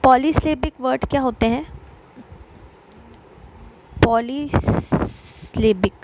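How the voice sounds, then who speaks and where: A woman teaching an exam-prep lesson, explaining step by step with frequent filler pauses. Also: sits high, fairly even intonation, slight background noise, low-quality recording.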